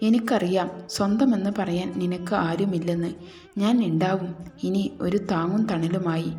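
A woman's voice: on the low side, fairly even intonation, moderate pace, warm tone, soft background music, natural voice. A woman voicing an ardent young man who insists on his love in a storybook reading, speaking tenderly and firmly. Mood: ardent, insistent.

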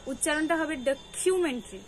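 A woman's voice: sits high, normal speed, a little hiss or hum. A young woman, a student giving short answers and repeating words back.

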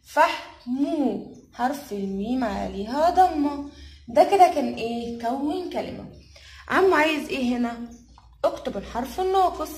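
High-voiced Egyptian woman teaching small children. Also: expressive, normal speed, darkish tone, roomy sound. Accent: Egyptian Arabic. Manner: sing-song, drawing out words for young children. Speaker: kindergarten teacher. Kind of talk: classroom review lesson.

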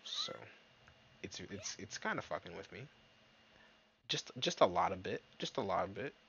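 A man riffing through a video game in loose, swear-heavy commentary, his voice swinging from low mutters to sudden high yelps. The home recording sounds a little dull, with a faint hiss behind it. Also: normal speed, gravelly. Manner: excitable, swearing, jokey, talks to himself and viewers. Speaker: gaming YouTuber. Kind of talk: casual let's-play commentary. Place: dark room at home.

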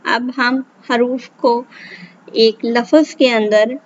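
A woman teacher, patiently giving a step-by-step recitation lesson and repeating each sound deliberately. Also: on the high side, fairly even intonation. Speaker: Quran reading teacher. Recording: dull lo-fi voice-over.

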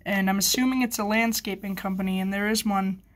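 A woman chats informally in a hobby vlog, rambling and thinking aloud as she goes. She's a hobbyist video maker with a mid-range voice, fairly even intonation and a fairly quick pace.

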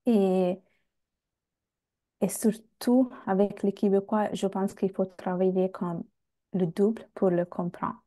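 On a video call from a home room, a young woman whose first language is Italian chats casually with the host as a guest, using an earphone mic. Her medium-pitched, steady, warm voice comes slowly as she searches for words and restarts.

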